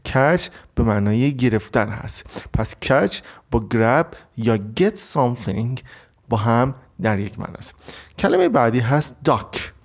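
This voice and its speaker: A male teacher gives a recorded vocabulary lesson. His voice moves up and down freely as he explains each word step by step, and he slows right down to read the English examples. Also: medium pitch, gravelly.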